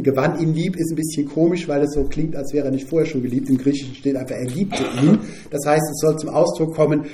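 An older man preaching a sermon in a lively, conversational way, often tagging his points with a questioning "nicht?". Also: fairly high pitch, roomy sound.

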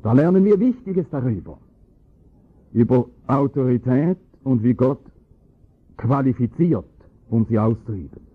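A man preaching a sermon, explaining scripture with emphatic, rising stress on key points and a husky voice. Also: medium pitch, animated, unhurried, long pauses. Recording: tinny phone-like lo-fi recording.

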